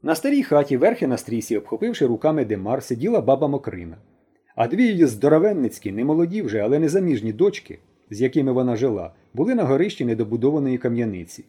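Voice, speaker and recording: A man reading an audiobook aloud with expressive storytelling. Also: medium pitch, quick pace, slightly rough. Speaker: audiobook reader. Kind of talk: audiobook narration.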